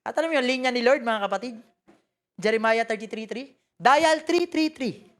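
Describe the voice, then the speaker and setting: High-voiced Filipino woman preaching. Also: moderate pace. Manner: lively, joking, mixes English scripture reading into Tagalog preaching. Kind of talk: sermon.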